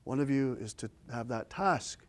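A man voicing the calm Creator spirit. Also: mid-range voice, moderate pace, lightly acted. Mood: instructing. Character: Creator, a powerful male spirit.

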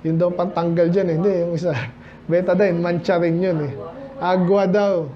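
A man's voice: sits high, flat delivery, moderate pace, dull audio. A man with a Filipino accent preaching a midweek Bible-study sermon, chatting with the congregation and asking them "Amen?". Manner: acts out quoted voices of listeners. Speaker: pastor. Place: small church hall.

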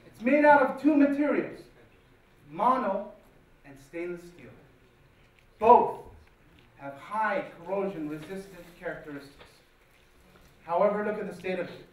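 A man giving a formal motivational speech in a deliberate, rehearsed-sounding way, in short measured phrases with dramatic pauses. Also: high-pitched. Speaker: guest speaker at a speech competition. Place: large auditorium stage, indoors. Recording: very echoey hall, distant, faint noise.

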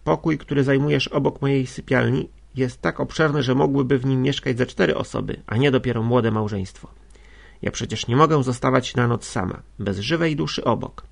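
A man reading an audiobook, voicing a sick, fretful and domineering older lady in a high, loud, exclamatory voice. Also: fairly quick, creaky. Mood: bossy. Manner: shrill, exclamatory, bossy.

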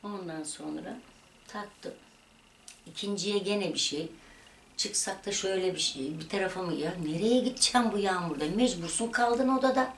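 Woman vlogger, lower register, lively storytelling, echoey room with faint noise. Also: moderate pace, recorded from a distance. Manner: animated retelling of a quarrel, voices rising and dropping. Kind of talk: casual storytelling.

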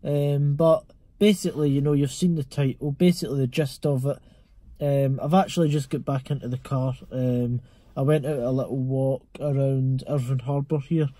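Young man, Scottish accent, casual vlog chat, mellow slightly high voice, dry car interior. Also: fairly even intonation, moderate pace, no echo. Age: young adult. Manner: rambling, lots of ums and restarts. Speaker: vlogger. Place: inside a parked car. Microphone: camera mounted on the dashboard.

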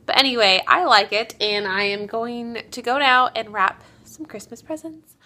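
A young woman chatting casually to her camera in a beauty vlog, upbeat with quick asides. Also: on the high side, pushed and bright. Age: young adult. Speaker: beauty vlogger.

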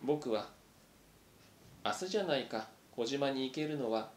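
A man reading aloud, voicing a brave young male mouse who speaks haltingly, choked with emotion, in a roomy recording. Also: medium pitch, lively intonation, a little hiss or hum, close to an everyday voice. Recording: roomy echo.

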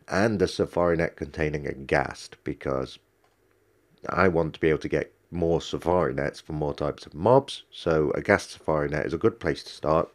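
Stuffed up with a cold, a man gives rambling, casual let's-play commentary, stumbling over many ums and restarts. His voice rumbles low with a darkish tone.

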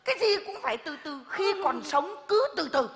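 Woman doing a high, lively, bossy village busybody, scolding loud, echoey stage hall. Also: normal speed, heavy background noise, full character voice. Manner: scolding, lecturing, loud and exaggerated. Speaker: comic stage actor. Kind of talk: live stage comedy skit. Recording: reverberant live stage hall.

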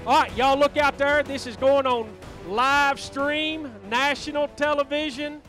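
Man, weigh-in emcee, bright sharp voice, high pitch, handheld mic outdoors. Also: fairly even intonation, unhurried, soft background music. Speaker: tournament director. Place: outdoor stage under a pavilion.

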